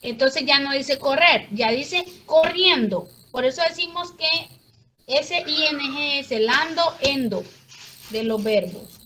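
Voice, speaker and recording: Slow, high-voiced woman teaching grammar. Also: lively intonation, pushed and bright, a little hiss or hum, rough recording. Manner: patient, explains step by step. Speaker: English teacher. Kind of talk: classroom explanation. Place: classroom.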